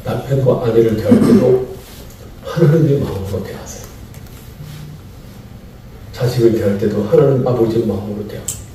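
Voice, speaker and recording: A man's voice: medium pitch, normal speed, pauses often, warm tone, recorded from a distance, slight background noise. A middle-aged man from Chungcheong, Korea, preaching to pastors at a seminar. He repeats key phrases and asks rhetorical questions. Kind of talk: sermon-style lecture. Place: large church sanctuary. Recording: echoey church hall, mic from afar.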